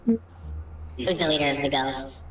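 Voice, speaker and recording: A man talking through a microphone voice changer that puts his voice in a cavernous echo, slow and deadpan. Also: fairly high pitch, a little hiss or hum, voice pushed up. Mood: eerie. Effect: voice changer with heavy cave echo. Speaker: tabletop game player. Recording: cavernous echo, distant from the mic.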